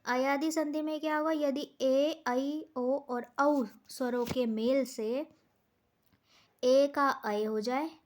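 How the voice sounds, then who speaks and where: Slow-paced high-voiced woman teacher. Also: fairly even intonation. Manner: explains step by step, asks questions and answers them herself; says words and examples slowly and deliberately. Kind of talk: exam-prep grammar lesson.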